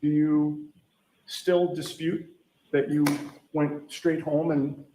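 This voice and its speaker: A man cross-examining a witness as a lawyer in court, putting detailed, deliberate leading questions and pressing for confirmation. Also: on the high side, level tone, dark tone. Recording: echoey courtroom sound with faint noise.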